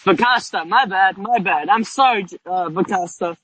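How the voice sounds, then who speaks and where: A man's voice: sits high, moderate pace, fairly bright tone, no echo. A man in casual online banter with a pleading manner, often addressing others as bro. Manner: pleading, repeatedly says bro.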